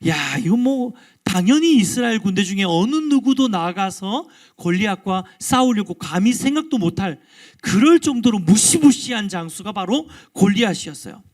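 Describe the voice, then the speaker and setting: A male pastor giving an all-ages sermon in a lively, interactive storytelling manner, often asking the congregation questions. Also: high voice, moderate pace. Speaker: guest pastor.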